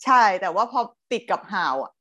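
A woman's voice: medium pitch, expressive, fairly quick, bright, forceful tone. A woman co-hosting a casual chat, explaining things in a thoughtful, easy way. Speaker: co-host.

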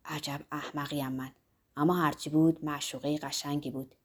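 A woman doing a low-voiced hesitant male lover. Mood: muttering. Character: a man, a cool, hesitant lover.

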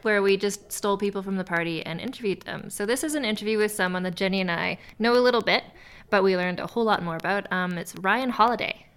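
A woman's voice: mid-range voice, fast, fairly bright tone, smooth. Woman podcast host giving a casual introduction.

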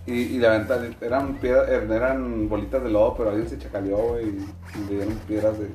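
A man's voice: on the low side, level tone, a little fast, a little mellow, faint music behind. A man with a Mexican accent leading a casual conversation and recounting anecdotes in slangy speech. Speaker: conversation leader.

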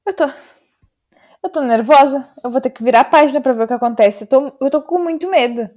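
A Brazilian woman podcast host reading a story aloud and breaking off for expressive, dramatic commentary. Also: high voice, brisk. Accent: Brazilian Portuguese.

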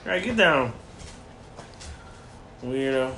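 A man's voice: mid-range voice, lively intonation, slow, bright, forceful tone, reverberant, a little hiss or hum. A man co-hosting a casual podcast chat from home, profane and rambling, laughing often, while nursing a broken foot. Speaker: podcast co-host. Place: home room with a dog nearby.

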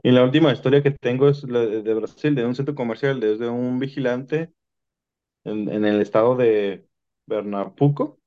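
A man's voice: mid-range voice, normal speed, clean tone. A man with a Mexican Spanish accent, rambling through paranormal stories in casual chat and restarting his sentences often. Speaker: podcast guest telling paranormal stories. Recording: dull lo-fi sound.

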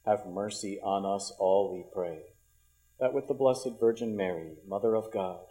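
Low mellow-voiced priest at prayer. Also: male voice, steady tone, poor audio. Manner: measured, reverent, formal delivery. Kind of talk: liturgical prayer, recited solemnly. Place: inside a church.

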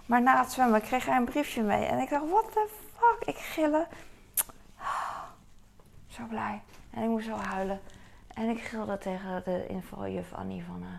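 A woman's voice: medium pitch, normal speed, vocal fry. A woman in her thirties, a mother chatting casually in a rambling way while doing household chores for her vlog. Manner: chatty and rambling, animated when telling stories. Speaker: vlogger and mother.

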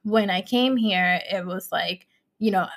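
A woman's voice: mid-range voice, a little slow. Chatty woman from the Dominican Republic. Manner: chatty, frequent fillers, laughs often. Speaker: guest, company co-founder. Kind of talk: casual interview chat.

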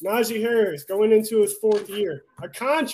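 A young man with a high-pitched voice co-hosts a casual sports podcast. He rants in a heated, profane way, swearing freely as he vents. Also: normal speed, a little mellow, slight background noise. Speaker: podcast co-host.

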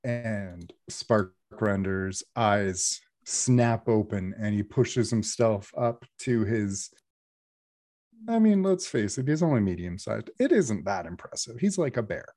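Slow-talking man running a tabletop game. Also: fairly low pitch, expressive, a little mellow, no room sound, studio quality. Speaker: game master. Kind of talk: casual tabletop game narration.

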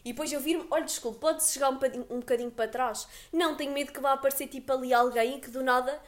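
A young woman with a European Portuguese accent, co-hosting a podcast in casual chat, animated and quick to laugh. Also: high-pitched. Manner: chatty, laughs often, animated storytelling. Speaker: podcast co-host.

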